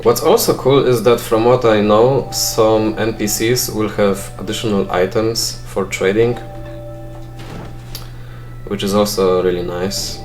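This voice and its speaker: A young Polish man with a voice on the low side, steady and darkish, talks a little slowly with faint music in the background. As a let's play gamer speaking English non-natively with a Polish accent, he gives dry, self-mocking commentary and thinks aloud with fillers.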